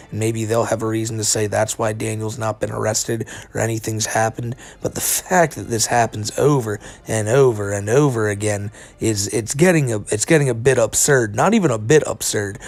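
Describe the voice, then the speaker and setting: A man giving casual, incredulous commentary on internet drama, with a sardonic, informal way of talking and some casual swearing. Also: medium pitch. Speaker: commentary video narrator.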